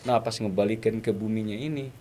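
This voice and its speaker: Animated man, tinge. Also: on the low side, a little fast, slight background noise. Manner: animated, searching for words with many fillers. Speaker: guest speaker. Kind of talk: explaining in a conversational interview.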